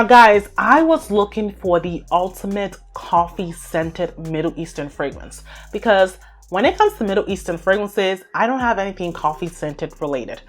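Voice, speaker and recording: Gushing woman vlogger, low voice. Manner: gushing and emphatic. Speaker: beauty vlogger. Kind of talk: casual product review.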